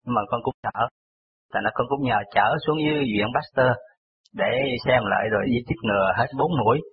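A man's voice: mid-range voice, brisk, slightly rough. A man with a Southern Vietnamese accent calling in to a radio show, recounting a personal story in rambling, detail-heavy fashion. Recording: tinny phone line on radio.

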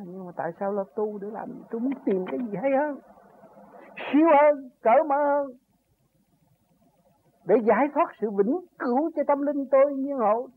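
Older man on a tinny old recording. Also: high voice. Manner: earnest, rambling, rising to emphatic peaks. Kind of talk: spiritual talk recounting his journey. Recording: tinny phone-like recording with faint noise.

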